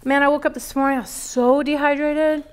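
Leading a group of yoga teacher trainees at a fairly quick clip, a middle-aged woman quizzes them energetically and answers her own questions. Her voice is high and bright. A camera placed across the large wooden studio picks her up from a distance.

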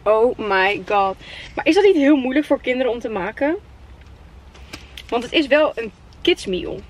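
A woman in her twenties with a Netherlands Dutch accent, chatting casually and excitably to camera with English slang mixed in. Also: high voice, moderate pace. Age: 20s. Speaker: vlogger. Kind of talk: casual vlog chat. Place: inside a parked car at night. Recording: faint background noise in car.

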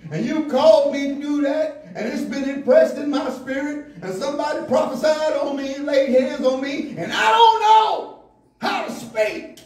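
A man preaching a sermon from the pulpit in rhythmic call-and-response style, building to shouts. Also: very high-pitched, recorded from a distance. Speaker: pastor. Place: church sanctuary, indoors, at a pulpit. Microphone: stand mic at the pulpit, filmed from a far camera. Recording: echoey church room, heard from afar.

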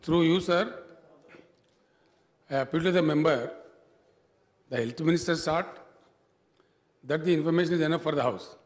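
A man's voice: a little high, extremely slow, long pauses. Man replying over interruptions. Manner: mixes Hindi and English, pleads for quiet, argues back. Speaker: state government leader answering in the assembly. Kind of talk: assembly floor reply. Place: state assembly chamber. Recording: echoey legislative hall.

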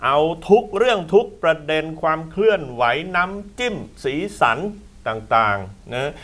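A man's voice: on the high side, big pitch swings, a little slow, pushed and bright. A man hosting a football talk show in a studio, lecturing with emphatic, rambling asides.

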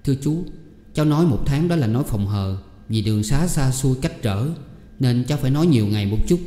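Guy doing a polite pleading young mom, soft and humble, echoey. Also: medium pitch, expressive, fast, close to an everyday voice. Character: pleading young mother Ánh Nguyệt. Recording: echoey room with long reverb.

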